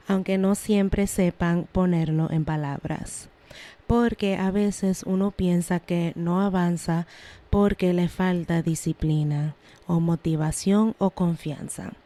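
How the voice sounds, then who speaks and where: A woman from Massachusetts hosting her own podcast, talking through emotional healing in a calm, earnest solo monologue. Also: on the low side. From Lawrence, Massachusetts, USA. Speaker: podcast host.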